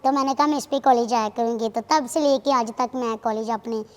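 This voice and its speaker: A woman's voice: on the high side, fairly even intonation, fairly quick. A woman, a TV guest telling her story in earnest, chatty talk. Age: 20s. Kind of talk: casual interview talk. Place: TV studio. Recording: long hall reverb.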